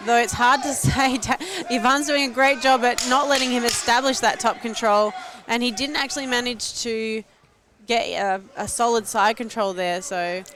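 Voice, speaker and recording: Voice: medium pitch, fairly even intonation, moderate pace, a bit bright, some chatter behind, a little hiss or hum. A co-commentator analysing a grappling match in casual, analytical chat. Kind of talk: live sports commentary.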